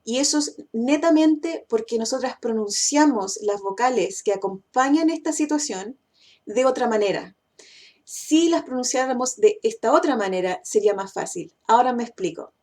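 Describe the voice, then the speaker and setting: A woman's voice: a little high, darkish tone. A woman teaching English pronunciation in a casual, explanatory way, with frequent "eh" fillers as she thinks. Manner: slows down and stretches English example words.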